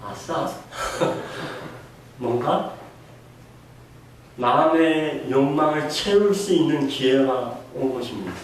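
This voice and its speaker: A man's voice: medium pitch, slow, pauses often, a little hiss or hum. A man preaching a sermon as a pastor, putting questions to the congregation and acting out the voices he quotes. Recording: echoey room heard from a distance.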